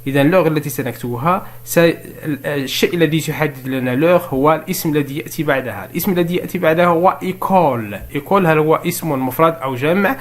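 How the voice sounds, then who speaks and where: This French spelling lesson is taught by a man in another language, with step-by-step explanation. He asks questions and answers them himself while slowly dictating examples, his pitch fairly high.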